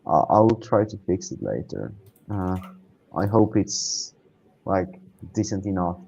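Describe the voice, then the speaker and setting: A man's voice: low-pitched, expressive, a little slow, vocal fry, mellow, faint music behind. A man hosting a casual online group chat, his voice muffled as if heard through a wall by a poorly set clip-on mic, speaking hesitantly with filler uhs. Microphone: wireless clip-on mic.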